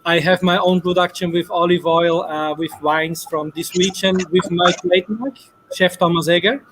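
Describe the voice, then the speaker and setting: High-voiced Austrian chef, flat delivery. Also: male voice, normal speed, background noise. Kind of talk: online panel introduction.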